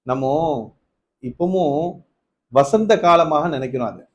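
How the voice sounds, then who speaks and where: A man giving a Ramadan night sermon, telling stories, asking his listeners questions, rising to emphatic peaks and then dropping low. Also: expressive, slow, lo-fi sound. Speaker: preacher.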